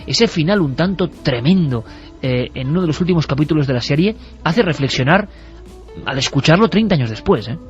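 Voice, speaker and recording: A man's voice: a little high, expressive, brisk. A man hosting a radio talk show, speaking in a reflective, lyrical way to his listeners. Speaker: radio host. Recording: dull radio audio with faint music.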